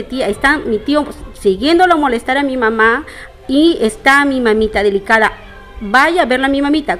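A middle-aged woman making an indignant, formal public statement, addressing her townspeople directly. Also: on the high side. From Peru. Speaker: interviewee.

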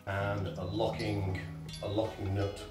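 An English hi-fi shop owner, middle-aged, talks casually through a product unboxing in a large carpeted listening showroom, moving around as he lifts and unpacks items. His voice is fairly low, monotone, and slow, chatty but hesitant with fillers. A camera mic across the room captures roomy, distant sound with music playing.

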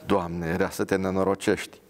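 A man's voice: sits low, little pitch movement, natural voice. A man voicing a pious, blunt young woman dressed as a nurse, with an earnest, scolding manner.

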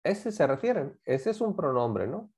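A man's voice: a little high, big pitch swings, unhurried, darkish tone, husky. A man teaching a class, patiently explaining grammar and repeating examples while asking students to join in. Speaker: English teacher.

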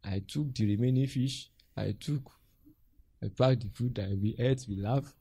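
A man's voice: mid-range voice, normal speed, vocal fry, slightly rough, dry recording. A man, a pastor mentoring a group and telling stories with acted-out voices and frequent laughs. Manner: animated storytelling, acts out voices and laughs often.

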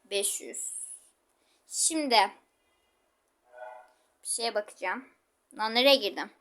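A woman with a high, bright voice narrates her own gameplay, chatting to viewers and exclaiming at every turn. Her talk is loose and lively, with sharp bursts when the match gets tense. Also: slow. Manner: chatty, exclaiming, talks to viewers while playing. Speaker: gaming channel host. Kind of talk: live gameplay commentary.

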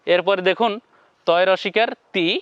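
Guy teaching quran reading, spells out each sound slow, smooth resonant voice. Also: sits high, fairly bright tone, dry recording, lo-fi sound. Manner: spells out syllables slowly, then chants the words. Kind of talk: step-by-step lesson.

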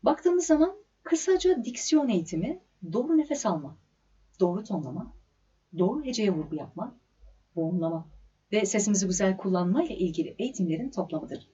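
Breathy woman lecturing on diction. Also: medium pitch, expressive, warm tone. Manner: clear, measured delivery with deliberate stresses and pauses. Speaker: diction instructor. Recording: slightly dull lo-fi recording.

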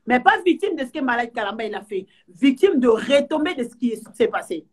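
A woman giving rambling, animated commentary in a casual live chat. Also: on the high side, fairly quick, breathy edge. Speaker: live stream participant.

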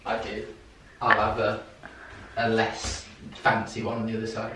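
A man making brief low-key remarks from off camera during casual chat. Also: completely flat delivery, moderate pace, background noise. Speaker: vlogger's partner. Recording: distant and echoey, off-mic.

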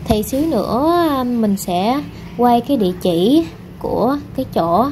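A woman's voice: a little high, expressive, unhurried, darkish tone. Young woman vlogger, loose chatty delivery with constant fillers, recorded in a noisy salon. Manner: rambling, many fillers, addresses viewers directly. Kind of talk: casual vlog narration. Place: hair salon, indoors. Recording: noisy background.

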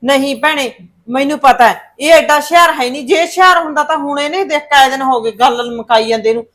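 A woman's voice: high voice, fast, fairly bright tone. An actress playing a worried middle-aged mother who insists her son settle his marriage, in a short film drama.

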